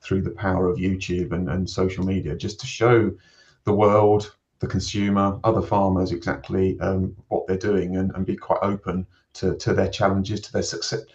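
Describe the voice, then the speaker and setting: A male panelist answering in a measured way, repeating words as he thinks. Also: low voice, level tone, darkish tone. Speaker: guest panelist. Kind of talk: interview answer. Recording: distant dull remote mic.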